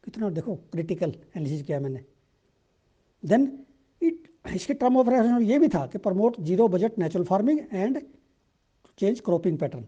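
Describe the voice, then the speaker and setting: A man with an Indian accent, teaching exam questions in a conversational way and reading statements aloud slowly. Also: high voice, sing-song, mellow, breathy edge, highs cut off. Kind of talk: explaining current-affairs exam questions.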